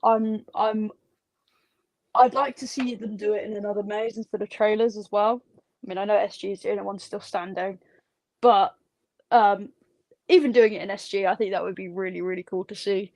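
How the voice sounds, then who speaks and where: A woman's voice: medium pitch, fairly even intonation, normal speed, a little mellow, dry recording. A woman theme park ride operator, chatting candidly as a guest in a studio interview. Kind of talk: casual interview chat.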